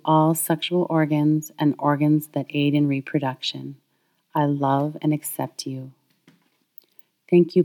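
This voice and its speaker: A woman reading a guided healing meditation, speaking slowly and softly in soothing affirmations. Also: low-pitched. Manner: slow, soft, soothing affirmations.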